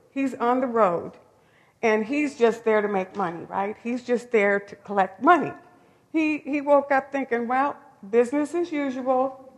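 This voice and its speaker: A woman preaching a sermon in a conversational, storytelling way, with emphatic rises. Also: a little high. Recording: long hall reverb.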